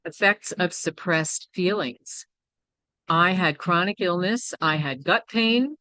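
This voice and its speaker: Her voice is lowish and sharp, and she takes her time; there's no echo. Presenting a workshop as a personal teaching talk, the woman is candid and reflective, frequently checking in with listeners through "right?" and "you know."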